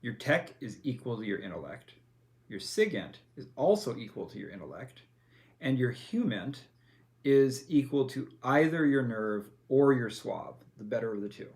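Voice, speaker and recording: Very animated and speaking at normal speed, this game master has a medium-pitched, darkish voice. He walks a player through tabletop character creation one rule at a time, staying patient while filling his talk with fillers and self-corrections.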